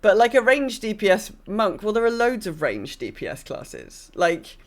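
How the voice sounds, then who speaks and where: A woman co-hosts a podcast, talking casually about gaming at a normal speed in a mid-range, sing-song voice. She's opinionated and muses aloud, leaning on repeated words for emphasis.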